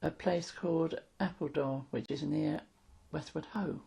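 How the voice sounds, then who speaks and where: An old woman in her eighties with a London accent and a husky, gravelly voice, reminiscing casually in a plain, matter-of-fact way. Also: low-pitched, steady tone, unhurried, warm tone. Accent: London English. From London, England. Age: 80s. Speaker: interviewee. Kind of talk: casual reminiscence of wartime childhood.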